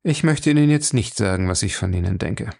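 A man voicing a brisk, commanding male captain in an audiobook, curt in his orders. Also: lowish voice, lively intonation, vocal fry, a little mellow, heavily acted.

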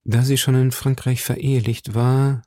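A man's voice: mid-range voice, flat delivery, normal speed, mellow, no echo, studio quality, natural voice. A man reading an audiobook and voicing an earnest, eager young musketeer.

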